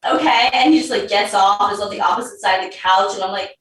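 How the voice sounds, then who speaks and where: A woman's voice: mid-range voice, quick pace, fairly bright tone. A young woman guest telling a story casually, full of "like" fillers. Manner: chatty, lots of "like" fillers. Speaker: podcast guest. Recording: roomy, distant mic.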